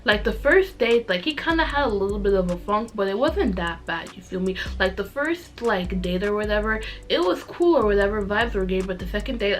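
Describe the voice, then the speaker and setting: A young adult woman vlogger telling stories in casual, slangy girl talk with an animated, emphatic delivery. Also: mid-range voice. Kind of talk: casual chatty girl talk, storytelling to camera.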